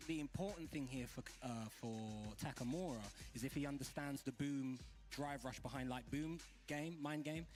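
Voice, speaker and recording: A man's voice: mid-range voice, normal speed, few pauses, darkish tone, soft background music. A man co-hosting a fighting game watch party, giving casual technical commentary and thinking aloud with restarts.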